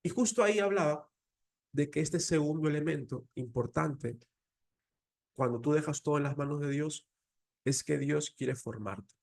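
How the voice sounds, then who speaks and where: A man's voice: fairly high pitch, normal speed, vocal fry, darkish tone. A man with a Mexican Spanish accent giving an emotional, earnest faith talk, telling a personal story. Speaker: faith speaker.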